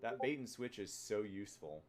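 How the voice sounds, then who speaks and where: A man narrating as dungeon master, talking in a halting way with many fillers and restarts. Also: lowish voice, animated, a crowd in the background. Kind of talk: narrating a tabletop game.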